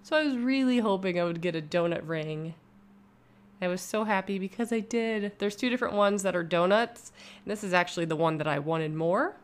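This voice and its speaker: At medium pitch and a slightly fast clip, a young female vlogger on YouTube narrates an upbeat review of a bath product from her home. She comes across as chatty and enthusiastic in this casual voice-over.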